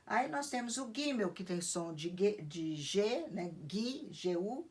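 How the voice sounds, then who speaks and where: Slow, patient woman teaching. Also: medium pitch, animated, darkish tone. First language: Portuguese. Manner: slow, patient, explaining step by step. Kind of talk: slide lesson on the alphabet.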